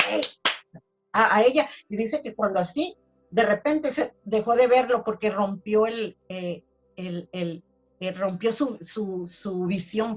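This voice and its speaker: A woman recounts a personal religious testimony in a fairly high voice. She talks in a loose, conversational way, with plenty of fillers. Soft music plays faintly behind her. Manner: chatty storytelling with many fillers. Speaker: testimony speaker. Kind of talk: casual spoken testimony.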